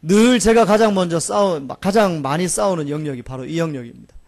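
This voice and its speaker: A man's voice: fairly high pitch, fairly quick, creaky, darkish tone. A male pastor preaching a Sunday sermon, asking rhetorical questions in an earnest manner.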